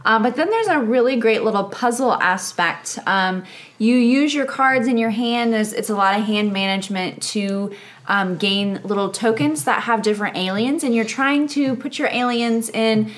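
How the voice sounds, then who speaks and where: A woman's voice: on the high side, moderate pace. Woman explaining a board game's rules. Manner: steady, explanatory, with fillers. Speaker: podcast co-host. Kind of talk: casual board game chat.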